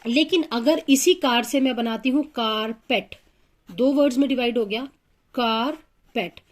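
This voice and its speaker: A woman teaching English phonics in a patient, step-by-step way, working through examples with pauses and fillers. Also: fairly high pitch. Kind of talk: phonics lesson explanation.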